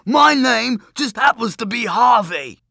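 A man voicing a huge, mad male demon who shouts threats and mocks with a buzzing voice. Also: very high-pitched, expressive, unhurried, creaky, no echo, clean studio sound, pitched above the performer's own voice, full character voice. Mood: menacing, mocking. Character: huge raging male demon, mocking and menacing.

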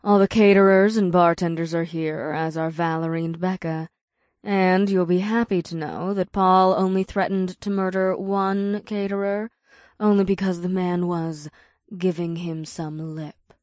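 A man voicing an affectionate, gently teasing succubus woman in a spoken story, lifting his voice high and soft. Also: flat delivery, unhurried, dry recording, studio quality.

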